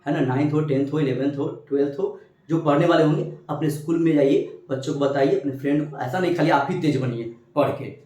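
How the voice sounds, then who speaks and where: A man teaching English grammar in an animated classroom-style lesson, drilling with repeated questions and answers and sometimes shouting for emphasis. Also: on the high side, fast, far from the mic. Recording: very echoey, from off-mic.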